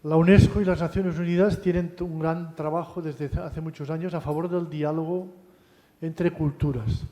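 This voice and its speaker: A man giving a university lecture in a relaxed, conversational way, often adding tag questions and restarting phrases. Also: a little high, normal speed. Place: lecture hall. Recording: long hall reverb.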